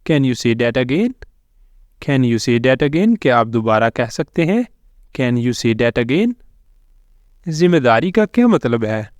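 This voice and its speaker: A man teaching English phrases, explaining in Urdu and saying each English line slowly, repeated for learners. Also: mid-range voice, no echo, studio quality. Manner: says the English sentences very slowly and deliberately, repeating each twice.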